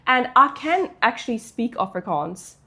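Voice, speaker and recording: A woman's voice: a little high, very animated, moderate pace, pushed and bright. Casual South African English-speaking woman. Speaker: content creator. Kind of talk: casual Q&A chat.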